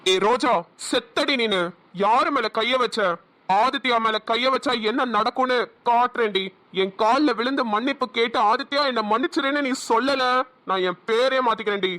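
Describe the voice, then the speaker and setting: A woman's voice: fairly high pitch, fast talker, bright, forceful tone. A woman with a Namakkal Tamil accent voicing an arrogant young male police officer who talks with scorn and threats in a cartoon. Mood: vengeful. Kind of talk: cartoon voice acting.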